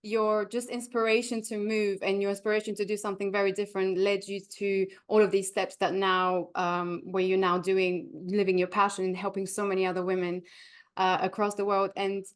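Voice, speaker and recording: A woman's voice: medium pitch, flat delivery, brisk, clean tone. A woman from Bulgaria hosting a podcast interview, often hesitant, with many fillers and restarts. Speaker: podcast host.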